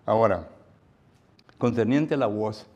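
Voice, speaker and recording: Preaching with a Mexican Spanish accent, a man keeps the sermon chatty, using frequent tag questions and hitting scripture with loud emphasis. His husky voice sits on the low side, he speaks a bit slowly, and the high frequencies are cut off.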